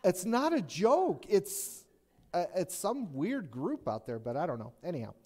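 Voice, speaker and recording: A man's voice: high-pitched, sing-song, a little slow, a little mellow. A middle-aged man preaching a sermon as pastor, speaking in a folksy, conversational way that often restarts mid-sentence.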